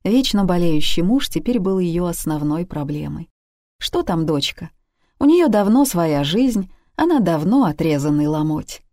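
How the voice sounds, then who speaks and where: A woman narrating a story as an audiobook reading, steady and even. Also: fairly low pitch, a little slow, no room sound, clean studio sound.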